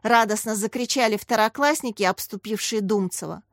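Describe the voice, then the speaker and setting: A woman narrating a children's book in a clear, expressive reading. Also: medium pitch, a little fast, no echo, studio quality. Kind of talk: scripted audiobook narration.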